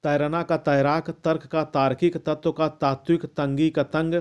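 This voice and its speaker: A man reading out a long list of word pairs as a lesson, measured and methodical, with the odd restart. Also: on the high side, little pitch movement, a little mellow, smooth. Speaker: teacher reading a Hindi vocabulary list. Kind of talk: slow recitation of word pairs.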